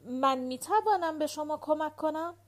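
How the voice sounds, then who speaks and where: Woman reading as patient gentle sister, soft coaxing questions, slightly high voice. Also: close to an everyday voice. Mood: gentle probing.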